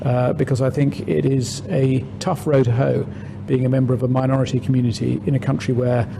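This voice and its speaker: A man, a diplomat, answering an interview question in a measured, reflective way with frequent fillers. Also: mid-range voice, level tone, vocal fry. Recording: noisy recording.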